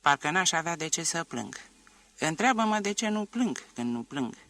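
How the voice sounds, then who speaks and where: A man's voice: fairly high pitch, very animated, pushed and bright, pitched above the performer's own voice, full character voice. A man voicing a proud young peasant woman who sounds weary and tearful, in an audiobook reading.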